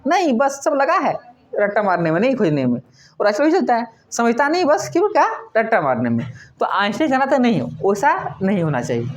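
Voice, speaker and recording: A woman teacher telling a story to her students in a chatty, conversational way, often asking the class questions and then answering them herself. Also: on the high side.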